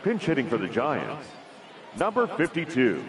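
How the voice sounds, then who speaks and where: A man voicing a stadium public address announcer heard over a PA system, formally introducing batters with drawn-out, booming delivery. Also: huge pitch swings. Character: male ballpark PA announcer, formal and steady. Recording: noisy ballpark ambience.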